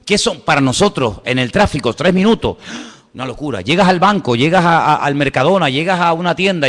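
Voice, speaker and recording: A middle-aged man from Spain preaches with a Spain Spanish accent, his voice sitting fairly high. He drives the sermon with rhetorical questions and drops into soft asides. The hall carries a long reverb. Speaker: pastor.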